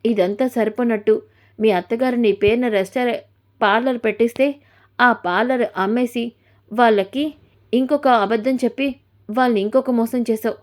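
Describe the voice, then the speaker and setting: A woman plays a frank young female friend in a retold family drama. She speaks bluntly and reproachfully in a fairly high voice. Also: fairly even intonation, normal speed, long pauses, a little mellow, lightly acted.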